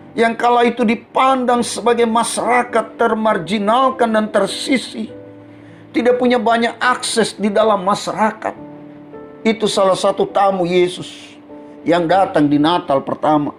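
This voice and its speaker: A man preaching a radio sermon from Central Sulawesi, telling a story and addressing listeners as brothers and sisters. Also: very high-pitched. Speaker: preacher on a morning devotional radio program.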